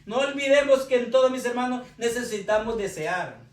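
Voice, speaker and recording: A man's voice: very high-pitched, moderate pace. A man preaching a sermon, earnest and building to emphasis, often addressing the congregation as brothers and sisters. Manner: earnest, with rising emphasis and frequent "mis hermanos". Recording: echoey room, heard from a distance.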